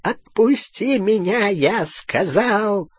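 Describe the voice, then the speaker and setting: A man doing a hoarse snarling werewolf. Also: sits high, lively intonation, slow pace, dry recording, pitched above the performer's own voice, full character voice. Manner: growling. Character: hoarse snarling male werewolf, brutish and sullen.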